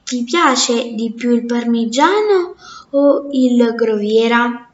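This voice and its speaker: A woman voicing a group of ordinary mice who question and tease a newcomer in drawn-out tones. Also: on the high side, expressive, roomy sound, dull audio, slight background noise. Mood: curious.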